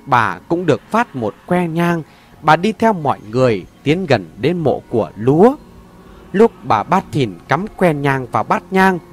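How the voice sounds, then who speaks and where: A man narrating a scripted story in a dramatic, expressive way. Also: fairly high pitch, slight background noise. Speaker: audiobook narrator.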